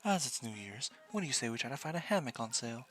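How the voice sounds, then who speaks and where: A man voices a curious, teasing young woman scientist from a video game. The delivery is wordy and clinical, with animated pitch and a bright edge. Music plays faintly behind. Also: fast. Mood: intrigued.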